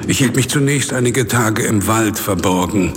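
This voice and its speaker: A man's voice: on the low side, background noise, close to an everyday voice. A man playing a lonely, misshapen monster in an audio drama, brooding, bitter and anguished. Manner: slow, brooding, swelling into anguished outbursts. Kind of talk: audio drama acting and narration.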